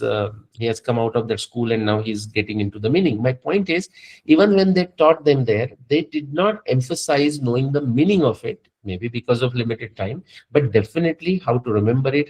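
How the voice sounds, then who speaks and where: A man's voice: mid-range voice, a little mellow, low-quality recording. A man giving a spiritual lecture, explaining step by step with frequent fillers and restarts.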